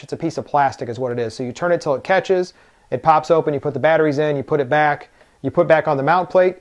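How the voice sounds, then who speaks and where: A man with a fairly high, slightly mellow voice reviews a product hands-on. He talks casually and walks through things step by step, in the style of a relaxed unboxing and demo.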